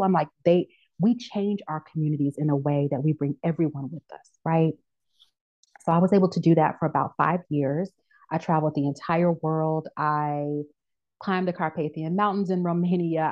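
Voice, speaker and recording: A woman in her thirties, a podcast guest, tells her story in an animated way, slipping into the voices of the people she quotes. Her voice sits a little low for a woman. The recording sounds dull and lo-fi. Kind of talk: casual podcast interview. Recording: dull lo-fi audio.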